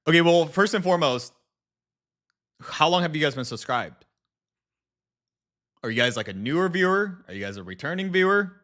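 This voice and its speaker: A man's voice: a little high, animated, normal speed, long pauses, fairly bright tone. A man livestreaming in a casual chat with viewers, speaking informally with slang and some swearing. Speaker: live streamer and video creator.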